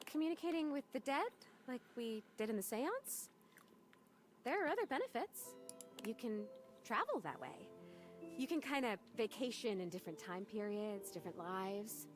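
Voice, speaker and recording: A woman's voice: on the high side, expressive, normal speed, over music, close to an everyday voice. Woman voicing a tender young ghost.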